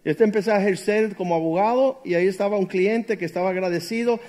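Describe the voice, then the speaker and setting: A man's voice: high voice, fast, a little mellow. A middle-aged man preaching a sermon, emphatic and jokey, telling personal stories and acting out the quoted voices. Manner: emphatic, jokey storyteller who acts out quotes.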